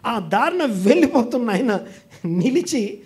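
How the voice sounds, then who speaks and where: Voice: mid-range voice, very animated, measured pace, darkish tone, husky. A pastor preaching a sermon emphatically and calling on the congregation to repeat phrases back.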